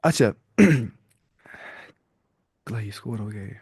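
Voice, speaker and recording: A man with a lowish voice, vocal fry and a breathy edge gives a classroom-style Arabic lesson, patiently questioning students and praising their answers while mixing in English words. The audio is clean studio sound without echo.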